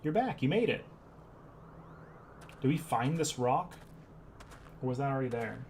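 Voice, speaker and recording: A man streaming a game, chatting in a relaxed way and laughing often. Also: medium pitch, measured pace, slight background noise. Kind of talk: casual gameplay chat.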